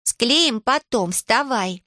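Woman playing a strict commanding schoolgirl, stern and high, storybook. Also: expressive, slow, bright, forceful tone, no echo, clean studio sound, full character voice. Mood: bossy. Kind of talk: audiobook character voice.

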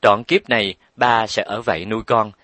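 Man doing a heartbroken father, tender, slow, sad, dry close sound. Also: fairly low pitch, steady tone, bright, forceful tone, no room sound. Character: heartbroken middle-aged father, tender and devoted.

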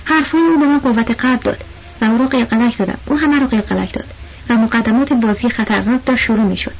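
Expressive first-person audiobook narrator with a colloquial delivery; muffled lo-fi recording. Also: medium pitch. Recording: dull lo-fi audio.

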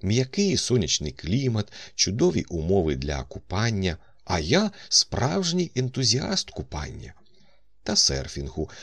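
A man narrating an audiobook, telling the story in the first person as a doctor, with a husky voice. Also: low voice, fairly bright tone, no echo. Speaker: audiobook reader. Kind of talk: scripted narration.

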